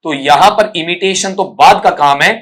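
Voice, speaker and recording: High-pitched teacher guy going over pronunciation, repeats every word again and again. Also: normal speed, a bit bright. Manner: drills words by repeating them, calls students "beta". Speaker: English exam teacher. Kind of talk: pronunciation lesson lecture.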